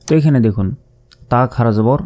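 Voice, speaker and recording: A man's voice: mid-range voice, brisk, warm tone. A man teaching Quran reading in a step-by-step lesson, patiently explaining and repeating letters and their sounds aloud. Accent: Bangladeshi Bengali.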